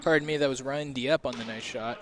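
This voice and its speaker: A man's voice: mid-range voice, fairly even intonation, fairly quick, a crowd in the background. A man giving live play-by-play commentary on a volleyball game from courtside. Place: courtside in a gym. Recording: clear background gym noise.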